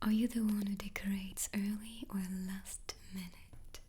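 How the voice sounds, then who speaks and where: A woman doing a whispered ASMR chat in a soft, playful, chatty way. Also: medium pitch, flat delivery, measured pace. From France. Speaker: ASMR creator and host.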